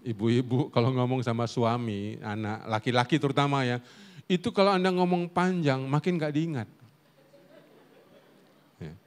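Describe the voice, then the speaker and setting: A middle-aged guest preacher and counselor gives a humorous Sunday sermon on family life, telling stories animatedly, asking the congregation questions, and laughing with them. His mid-range voice is clear and resonant, at a moderate pace with frequent pauses.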